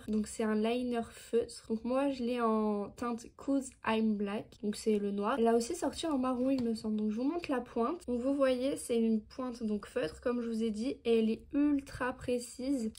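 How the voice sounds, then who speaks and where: A woman's voice: on the high side, mellow. A nineteen-year-old woman chatting through a beauty haul video, explaining each product with lots of fillers. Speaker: beauty vlogger.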